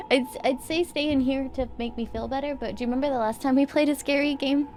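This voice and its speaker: Scared girl streamer playing a horror game, woman w a high voice, jumpy, chats to viewers, faint music behind. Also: moderate pace, darkish tone. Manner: jumpy, easily scared, gasping and exclaiming. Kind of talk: horror game livestream chat, reacting while playing.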